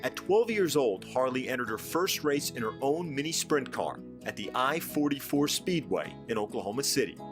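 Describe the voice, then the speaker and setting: A man giving scripted documentary narration with a measured, dramatic delivery. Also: mid-range voice, sing-song. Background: music.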